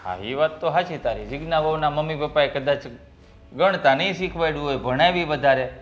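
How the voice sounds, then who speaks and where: A man plays a good-humoured husband in a family drama. He teases his wife with a joking edge. His voice sits fairly high for a man. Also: fairly quick, highs cut off, close to an everyday voice. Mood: reasoning. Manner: joking, teasing. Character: teasing middle-aged husband, good-humoured.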